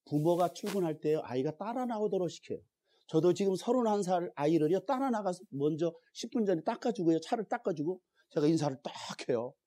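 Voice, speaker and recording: Korean pastor guy preaching in church, voice sits high, mellow tone, gets loud then drops to soft prayer. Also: fairly quick. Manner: animated preaching, swinging between loud exclamations and hushed prayer. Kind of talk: sermon. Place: church sanctuary.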